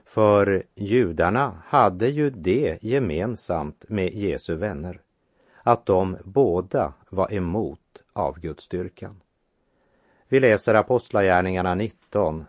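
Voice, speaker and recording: Deep-voiced man preaching a Bible sermon. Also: no room sound. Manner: measured, didactic, reads scripture aloud. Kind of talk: radio sermon, Bible exposition.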